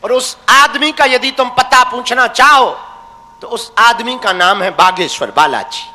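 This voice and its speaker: A man's voice: very high voice, a little slow, pushed and bright. A young man preaching a devotional sermon, teasing and folksy, calling his listeners his crazy ones. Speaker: religious preacher. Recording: long hall reverb.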